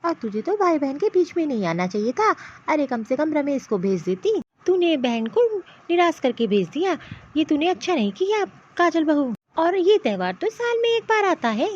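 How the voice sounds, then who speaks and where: A woman plays a protective middle-aged mother-in-law in a cartoon family story, her high voice swinging widely in pitch at a moderate pace with a slightly mellow quality. Indignant and scolding, she reproaches insistently and fires off one pointed question after another. The cartoon voice track sounds dull and lo-fi.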